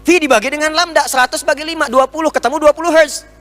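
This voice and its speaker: A man's voice: extremely high pitch, fairly even intonation, fast talker, fairly bright tone. A man preaching a humorous sermon to an audience, teaching with everyday examples and jokes, speaking into a microphone. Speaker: Islamic preacher. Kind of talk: humorous sermon lecture with questions and answers.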